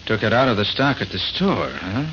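An actor playing a wry, skeptical private detective in an old American radio drama, with clipped, dry questioning. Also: male voice, fairly low pitch, very animated, moderate pace, fairly bright tone. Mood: probing. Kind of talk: mid-century American radio drama acting. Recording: muffled, noisy vintage radio recording.

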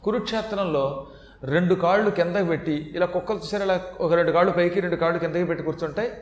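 High-ish male voice doing a chatty scripture talk w jokes, echoey hall. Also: fast talker, slight background noise. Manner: chatty, with humorous asides. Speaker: religious storyteller. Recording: echoey hall with faint ambience.

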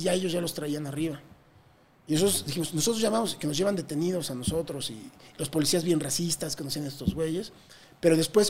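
A man with a Mexican accent telling a touring story in a casual interview, animated and full of slang and swearing. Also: high voice, husky. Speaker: touring musician guest.

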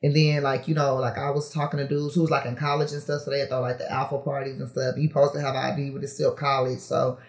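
A woman's voice: extremely low pitch, little pitch movement, quick pace, hardly any pauses, echoey room. A woman in her thirties talking candidly as a podcast guest, chatty and casual, with lots of fillers and frequent laughs. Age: 30s. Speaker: podcast guest, reality TV personality. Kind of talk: casual interview chat.

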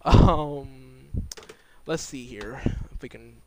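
A man's voice: mid-range voice, very slow, dark tone. A young man chatting casually while streaming a game at home, rambling with many fillers and restarts. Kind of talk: casual gaming stream chat. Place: home living room.

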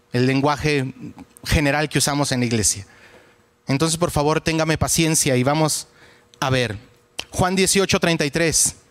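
A man, a pastor leading a Bible study in a conversational sermon style, speaking directly to his listeners. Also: on the high side.

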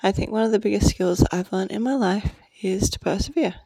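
A sleepy young woman hosting a late-night podcast, speaking quietly and partly whispering right up against the microphone at a friend's house. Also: mid-range voice, brisk, slightly rough, dry recording, rough recording. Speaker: podcast host. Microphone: close-up mic.

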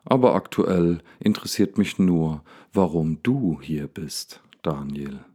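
A gentle storybook lion with a deep, full voice, speaking slowly and softly with calm curiosity, as a male narrator puts him on. The tone is dark and mellow, low and unhurried. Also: breathy edge, heavily acted. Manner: calm, soft-spoken, slightly awkward.

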